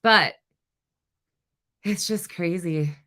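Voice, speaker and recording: This livestream host is a middle-aged North Dakota woman whose light local accent comes through as she reads viewer comments. Her voice sits on the low side and moves extremely slowly, while her manner stays blunt, profane and animated, with lots of cursing.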